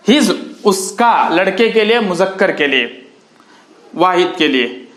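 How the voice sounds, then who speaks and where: A man teaching an English grammar lesson, slowly repeating each word along with its meaning. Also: high-pitched, expressive, fairly bright tone, echoey room.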